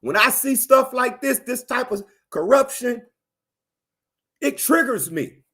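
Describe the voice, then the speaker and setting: Animated, emphatic high-voiced man. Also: slow, husky. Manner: animated, emphatic, repetitive phrasing. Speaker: commentator on a livestream. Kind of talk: animated commentary responding to viewers.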